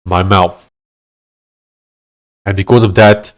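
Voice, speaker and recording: A low-voiced man with a broad South African Afrikaans accent. He talks slowly and casually, as a streamer working through things aloud, and sounds blocked in the nose, breathing through his mouth. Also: steady tone. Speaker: livestreamer coding while building in public. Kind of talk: casual livestream chat.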